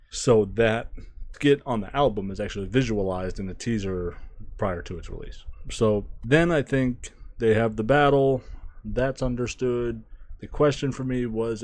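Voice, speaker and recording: A man giving a casual spoken album review, thinking aloud, restarting phrases and trailing off quietly. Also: on the low side, unhurried. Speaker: music reviewer.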